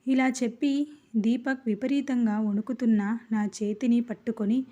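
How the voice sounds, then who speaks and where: A woman narrating a first-person life story in a steady, earnest storytelling manner. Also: a little high, unhurried, dull audio.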